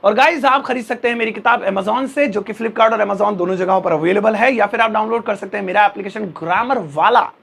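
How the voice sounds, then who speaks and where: A man teaching English in a casual, playful way, drawing out his example phrases slowly. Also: high voice, gravelly, fairly bright tone, breathy edge. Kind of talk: casual spoken lesson.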